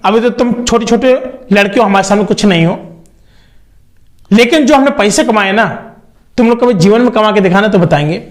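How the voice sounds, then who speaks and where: A man's voice: high voice, a little fast, pauses often, natural voice. A man voicing a proud old grandfather. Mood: lecturing. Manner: lecturing, boastful.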